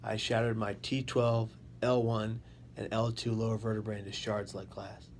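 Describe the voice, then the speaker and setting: A man telling his own story as an interview guest, in deliberate, dramatic short phrases that he repeats for emphasis. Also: on the low side, flat delivery. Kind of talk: personal testimony in an interview. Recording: faint background noise.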